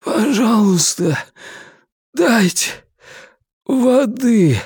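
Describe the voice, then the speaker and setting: A tortured young prisoner begs through sobs, his voice cracking and climbing high, as a male narrator puts him on. The tone stays gravelly and strained. The sound is close and dry. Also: animated, very slow, a little mellow, dry recording, exaggerated voice. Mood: broken, begging. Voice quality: strained, breaking voice. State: crying.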